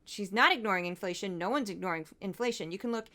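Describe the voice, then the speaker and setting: A woman's voice: mid-range voice, quick pace, pushed and bright. A woman hosting a commentary show, breaking down news clips in a wry, exasperated, conversational way.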